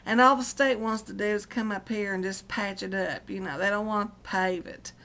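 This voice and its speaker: A woman's voice: medium pitch, steady tone, normal speed, fairly bright tone. A middle-aged woman with an Appalachian accent from West Virginia, chatting casually as a vlogger in a folksy, colloquial, meandering way. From Appalachian West Virginia, United States. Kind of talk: casual rambling chat to viewers.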